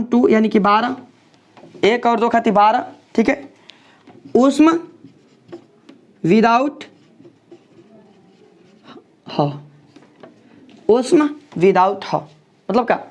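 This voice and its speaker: A teacher giving a grammar lesson, drilling points with repeated questions and frequent checks for understanding. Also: mid-range voice. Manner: repetitive, drills with questions and "ठीक है".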